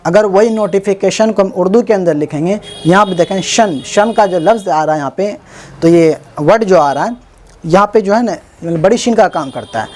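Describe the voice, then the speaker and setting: A man teaching Urdu script online, spelling out each word slowly letter by letter and checking in often with the viewer. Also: sits high, darkish tone. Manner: slow spelling out letter by letter, repeating words; informal, self-correcting, many "theek hai na" check-ins. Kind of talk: online writing lesson.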